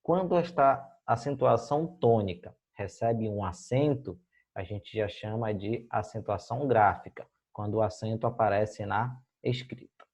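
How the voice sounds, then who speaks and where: A man's voice: lowish voice, a little slow, a little mellow. A Brazilian man teaching Spanish in a recorded video lesson, explaining patiently and checking in with his students after almost every phrase. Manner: explains patiently, ends phrases with "tá?" and "beleza, gente?".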